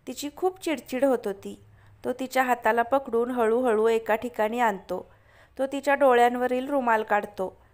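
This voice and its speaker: A woman narrating a family story in a steady, plain reading. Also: on the high side.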